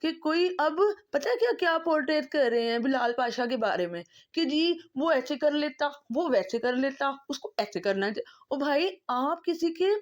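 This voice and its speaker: A woman vlogger from Pakistan speaking an impassioned, pleading monologue, emotional and close to tears, driving her points home by repeating them. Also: high-pitched. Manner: impassioned, pleading, repetitive emphasis.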